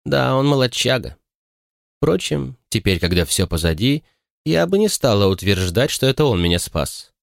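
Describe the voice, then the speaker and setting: Smug old spinster lady, sugary and lively, a man doing her voice high, dry close sound. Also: normal speed, gravelly, no echo. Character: smug elderly spinster woman, self-satisfied.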